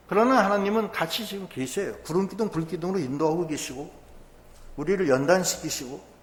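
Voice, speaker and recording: A man preaches in a church, explaining scripture in a conversational, emphatic way. His voice sits a bit high for a man. The sound is roomy, with a long hall tail. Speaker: pastor. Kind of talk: sermon. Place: church sanctuary.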